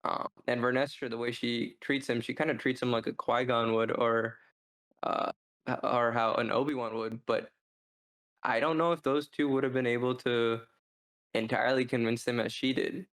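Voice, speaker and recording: A man co-hosting a podcast, talking through a book review in a casual, rambling, halting way as he thinks out loud. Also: medium pitch, steady tone. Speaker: podcast co-host.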